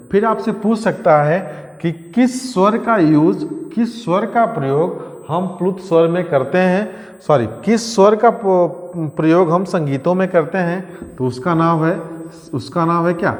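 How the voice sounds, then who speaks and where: Man teaching grammar in an echoey room. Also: on the high side. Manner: repeats key phrases, quizzes pupils, calls them "beta". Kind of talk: exam-prep grammar lesson. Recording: echoey room with long reverb.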